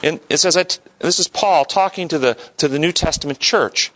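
A man's voice: on the high side, normal speed, a bit bright. A man leading an interactive Bible lesson, talking conversationally and putting questions to his audience. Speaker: Bible study teacher.

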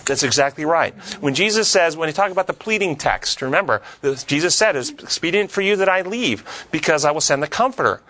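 A man's voice: fairly high pitch, expressive, brisk, few pauses, sharp tone. Earnest man leading Bible study. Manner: earnest, quotes scripture, rising emphatic questions. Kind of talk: teaching Bible study discussion.

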